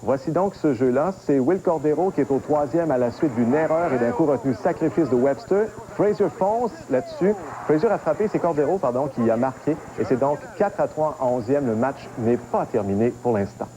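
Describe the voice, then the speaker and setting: A man's voice: mid-range voice, animated, moderate pace, few pauses, a crowd in the background, rough recording. A man with a Quebec French accent presenting a sports bulletin as anchor, partly off the cuff.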